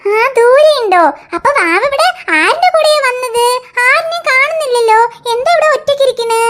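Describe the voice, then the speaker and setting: A woman's voice: very high voice, animated, normal speed, noisy background. A woman voicing a kind motherly woman in a cartoon, soothing and fussing over a lost child.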